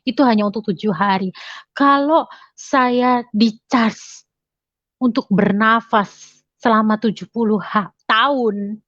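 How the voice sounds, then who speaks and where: A woman's voice: fairly high pitch, slow pace, pauses often, a bit bright, no echo. Woman quoting an earnest grateful old man. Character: grateful rich man in his seventies. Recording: dry, slightly dull lo-fi sound.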